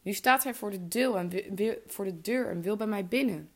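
A woman's voice: mid-range voice, normal speed, pitched above the performer's own voice, lightly acted. A woman doing a spoiled, fearful young princess. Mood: anxious.

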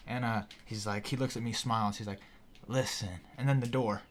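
A man's voice: fairly low pitch, fast, background noise. A young man, a podcast guest, telling a story in casual chat, swearing freely and acting out the people in it. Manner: animated, profane, acts out voices in his story.

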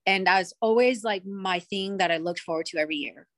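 A woman's voice: mid-range voice, fairly quick, a bit bright. A young woman from Cuba, a podcast guest chatting casually in a bubbly, rambling way full of fillers. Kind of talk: casual chat.

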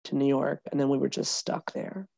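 A woman from Egypt, a lawyer and comedian, chatting as a podcast guest, animated and joking with lots of fillers. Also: rumbling low, normal speed, gravelly, dry recording. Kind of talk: casual conversational interview.

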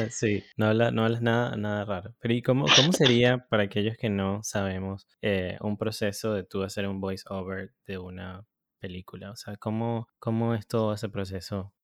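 A man's voice: lowish voice, steady tone, normal speed, fairly bright tone. A man interviewing a guest in Spanish, reassuring and asking questions with fillers and restarts. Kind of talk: conversational interview.

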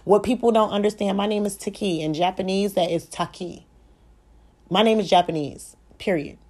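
A woman hosting a solo podcast from home, talking fast and rambling, swearing often and correcting herself as she goes. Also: medium pitch, warm tone. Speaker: podcast host. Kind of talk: solo spiritual podcast monologue. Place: home at night, child asleep nearby.

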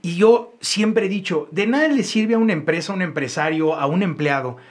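A male interviewer asks questions in a relaxed, conversational way. His voice sits a little higher than most men's, and he answers his guests with short acknowledgments. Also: fairly quick. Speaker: interview host, trainer. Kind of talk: casual interview hosting.

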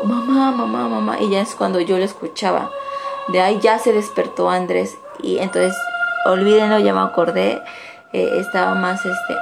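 A woman's voice: medium pitch, vocal fry. A young woman, telling a personal paranormal story in a casual, rambling way full of restarts and asides. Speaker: caller sharing a paranormal story.

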